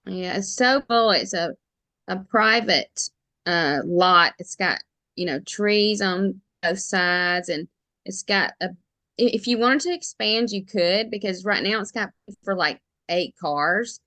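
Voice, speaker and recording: A woman's voice: medium pitch, slow pace, bright, forceful tone, no room sound. A woman with a thick Alabama Southern accent, chatting casually and informally as a realtor being interviewed. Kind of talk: casual chat.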